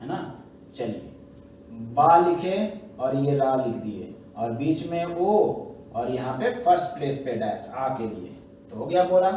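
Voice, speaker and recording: A man's voice: fairly high pitch, a little mellow, slight background noise. A man teaching shorthand, explaining step by step in a patient classroom manner and answering his own questions. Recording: echoey room, voice from a distance.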